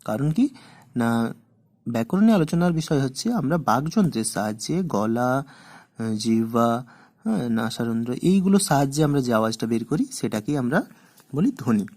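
A man's voice: mid-range voice, lively intonation, normal speed, pauses often, a little mellow. A man teaching a grammar class, asking questions and then answering them himself. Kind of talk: grammar lesson.

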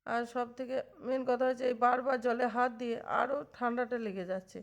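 A woman's voice: on the high side, steady tone, a little fast, highs cut off. A woman in her thirties chatting in a homely, rambling way as she narrates a cooking vlog in her home kitchen. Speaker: housewife vlogger.

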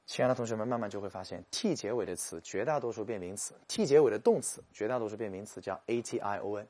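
A man giving a lively, joking English vocabulary lecture, slowing down to sound out English words. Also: on the low side. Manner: animated, jokey, stretches English words slowly to show pronunciation.

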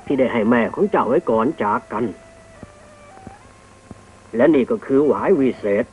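An actor playing a kind, wise old male hermit who speaks gently to his grandson, in an old cartoon. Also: mid-range voice, normal speed, breathy edge. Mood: fatherly. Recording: tinny old film soundtrack with music.

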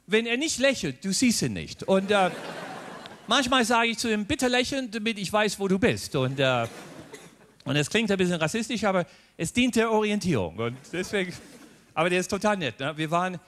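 A middle-aged American man performs stand-up comedy, speaking German with a clear American accent. His voice sits high and leaps around in pitch as he tells his stories. He acts out the people in them with lively shifts of voice. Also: moderate pace, slight background noise. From United States. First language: English. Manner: animated storytelling, acting out characters in a pitched-up voice.

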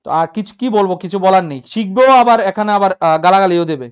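A man's voice: high voice, quick pace, highs cut off. A man teaching a live online grammar class, repeating each point and checking that everyone understood. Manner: reads out and answers viewer comments, repeats points, asks if clear.

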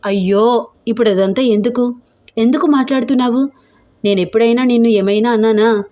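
A woman voicing a gentle, caring young woman who talks with concern. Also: fairly high pitch, steady tone, brisk, natural voice. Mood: worried.

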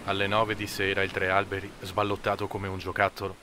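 A man narrating an amateur audiobook in a measured, steady way. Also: low voice, noisy background. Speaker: audiobook reader.

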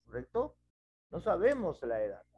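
Over dull, lo-fi video call audio, a middle-aged math teacher in a headset walks students through a whiteboard problem from a small home room, patient and questioning at each step. His fairly high voice swings hugely in pitch, moves at a moderate pace and has a breathy edge.

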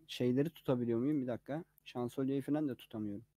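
A man's voice: medium pitch, fast, dark tone. A man chatting casually as a player in an online board game. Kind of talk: casual gaming chat. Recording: noisy mic with clicks.

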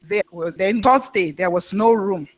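Woman, pastor, sermon, halting storytelling, frequent restarts. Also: medium pitch.

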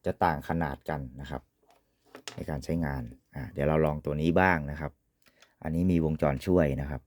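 A man's voice: very deep voice, fairly even intonation, brisk, background noise. A man giving an informal, polite product demonstration as an equipment reviewer, often ending phrases with courtesy particles.

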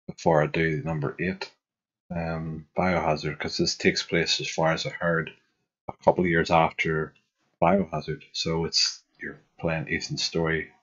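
A man in his thirties with a husky voice, giving casual reaction commentary as a gaming YouTuber. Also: low-pitched, lo-fi sound. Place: small bedroom. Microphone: headset.

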